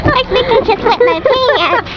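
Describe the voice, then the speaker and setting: A woman chatting and giggling in a high, squeaky chipmunk voice from breathing helium, outdoors by a busy road. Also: animated, a little slow, muffled recording, over a noisy crowd, very noisy. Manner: giggly and silly. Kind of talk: casual chat.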